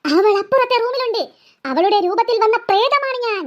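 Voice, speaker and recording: A performer voicing a bloodthirsty ghost that has taken a girl's shape, speaking in slow, low, gloating threats. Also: expressive, dull audio. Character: menacing ghost girl, bloodthirsty and sneering. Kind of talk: cartoon voice acting.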